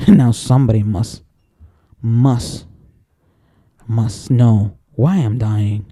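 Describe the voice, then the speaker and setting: A man's voice: mid-range voice, steady tone, slow pace, mellow, dry recording, studio quality. A man in an angry, profane, rambling personal rant to camera, repeating himself as he gets worked up. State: emotionally worked up.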